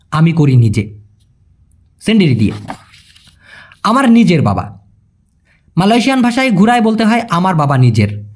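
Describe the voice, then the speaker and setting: Lively, high-voiced Bangladeshi man teaching. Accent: Bangladeshi Bengali. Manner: chatty, addresses viewers as brother, checks understanding. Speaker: language teacher. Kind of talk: casual video lesson.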